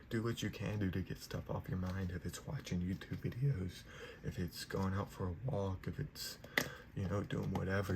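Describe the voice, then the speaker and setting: A young man giving a whispered ASMR pep talk in a soft, reassuring manner. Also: sits low. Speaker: ASMR creator giving positive affirmations. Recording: noisy, clear background hiss.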